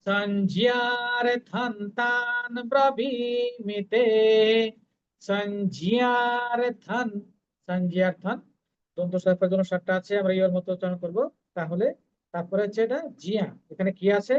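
A teacher giving a pronunciation lesson, stretching out each syllable as he chants verses, then explaining quickly. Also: mid-range voice, fairly even intonation, dark tone, dull audio. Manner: drawn-out slow syllables when chanting, brisk explanations between. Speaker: Gita recitation teacher.

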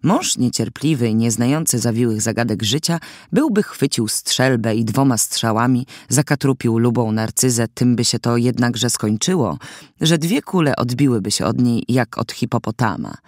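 A man's voice: mid-range voice, animated, moderate pace, a little mellow, no room sound. A man narrating an audiobook in the first person, in a wry, mock-solemn storytelling manner, recorded in a studio.

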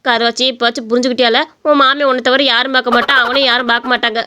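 Woman doing a scolding old grandmother, deeper voice, bright tone, fast. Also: flat delivery, smooth. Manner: scolding, bossy.

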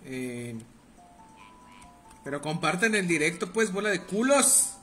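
A man's voice: fairly high pitch, sing-song, slow, bright, forceful tone, soft background music. A young man with a Mexican Spanish accent giving crude, joking live commentary while playing a game and bantering with his chat. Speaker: livestreamer. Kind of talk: casual live gameplay commentary.

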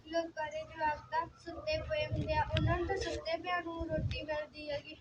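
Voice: high voice, monotone, a little fast, distant mic, close to an everyday voice. Woman or girl playing a timid mistreated stepdaughter. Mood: sad. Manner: soft complaining, pleading. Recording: dull, very noisy recording.

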